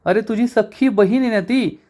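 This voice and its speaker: A man's voice: sits high, moderate pace, warm tone, voice pushed up, close to an everyday voice. A man doing a tearful pleading mother. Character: tearful middle-aged mother.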